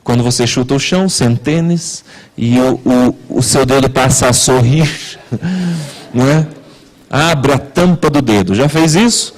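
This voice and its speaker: In a church, a pastor delivers a sermon full of rhetorical questions, his pitch and loudness swinging widely. He speaks a little slowly, and the recording is rough.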